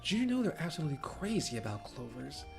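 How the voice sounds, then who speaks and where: A brash one-armed handywoman with a gruff pirate drawl, as a man puts her on while reading game text. She talks in a sly, conspiratorial way. Soft music plays faintly behind. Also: on the high side, big pitch swings, fast talker, pitched above the performer's own voice.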